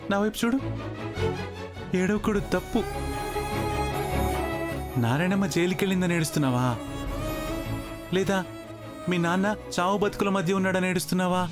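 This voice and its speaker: A man playing a gentle, fatherly gentleman. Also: sits high, close to an everyday voice. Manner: soothing, coaxing, reassuring. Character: kind fatherly older gentleman, protective and gentle. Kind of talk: TV serial acting.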